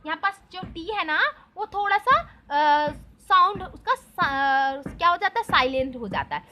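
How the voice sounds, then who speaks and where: A woman's voice: very high voice, bright, forceful tone, a little hiss or hum. A woman teaching an English lesson in Hindi, spelling out each word letter by letter and asking her students questions that she then answers herself. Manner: spells words out letter by letter, slow and patient.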